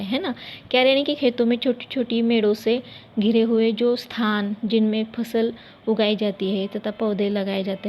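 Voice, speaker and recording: A young woman primary school teacher, reading a story aloud and explaining words, often repeating lines and asking her pupils questions. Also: on the high side. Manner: patient, repeats lines and asks students questions.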